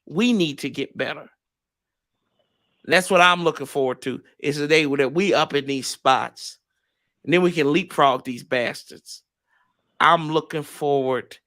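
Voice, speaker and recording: Man, fan reaction host, high voice, forceful tone, teasing banter. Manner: mocking, laughing, loud banter. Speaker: host of a football reaction stream. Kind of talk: casual fan play-by-play reaction.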